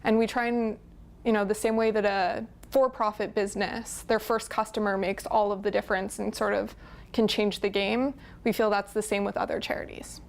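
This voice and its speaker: A woman's voice: mid-range voice, flat delivery, moderate pace, vocal fry, slight background noise. A woman representing a charity foundation, explaining its work fluently in a TV studio interview.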